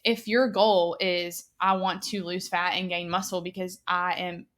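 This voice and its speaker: A woman's voice: fairly low pitch, level tone, a little slow, a bit bright. Woman, twenties, podcast host, casual chat, filler-heavy. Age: 20s. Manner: chatty, many fillers.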